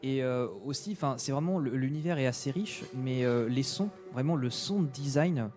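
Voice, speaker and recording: A man's voice: mid-range voice, moderate pace, a little mellow, soft background music. A man chatting casually on a radio show, hesitating often with many fillers and restarts.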